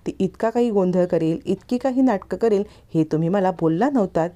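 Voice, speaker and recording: A woman's voice: mid-range voice, brisk, warm tone, close to an everyday voice. A woman voicing a manipulative hired schemer who talks in a brash, demanding way.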